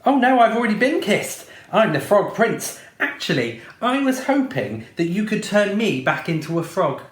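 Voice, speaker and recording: A whiny, flustered young frog prince, voiced by a man reading aloud, pitched well above the reader's own voice. He gushes his words breathlessly, bouncing up and down in tone, in an echoey room. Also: sing-song, moderate pace.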